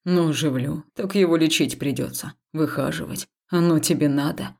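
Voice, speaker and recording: A woman's voice: low-pitched, moderate pace, vocal fry, a little mellow. A woman doing a cool, indifferent male necromancer. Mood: aloof, calm. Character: calm aloof male necromancer, young man. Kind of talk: audiobook character voice.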